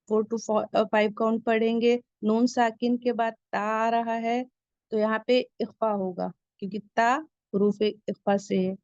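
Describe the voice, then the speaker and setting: A woman's voice: fairly high pitch, darkish tone, smooth, no room sound. A woman teaching recitation rules, explaining each point patiently and repeating the important ones. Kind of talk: step-by-step recitation lesson. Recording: dull lo-fi sound.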